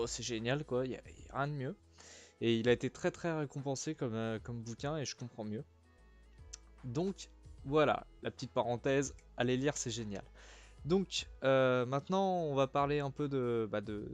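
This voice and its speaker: A man's voice: medium pitch, a little mellow. Casual French man with many hesitant fillers. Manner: chatty, informal slang. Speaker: film reviewer. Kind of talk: casual spoken film review.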